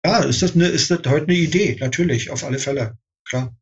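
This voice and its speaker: A man's voice: on the high side, a little fast, husky, highs cut off. A man speaking as an interview guest, composer, in casual talk, thoughtful, with many fillers and restarts.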